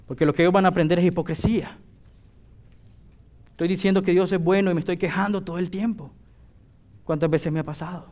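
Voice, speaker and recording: Emphatic middle-aged male preacher, fairly high. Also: steady tone, quick pace, pauses often. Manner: emphatic, exhorting, builds to loud declarations. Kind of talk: sermon.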